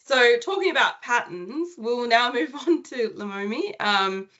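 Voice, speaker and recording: A woman's voice: on the high side, expressive, a little slow, pushed and bright. Brief: woman panel host, friendly intros, lo-fi video-call sound. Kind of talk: moderating an online panel. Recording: dull lo-fi video call audio.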